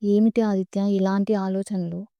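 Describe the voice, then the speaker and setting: A woman voicing a frightened young man who anxiously questions the dark around him in a horror story. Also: medium pitch, flat delivery, normal speed, smooth, dry recording, muffled recording, natural voice.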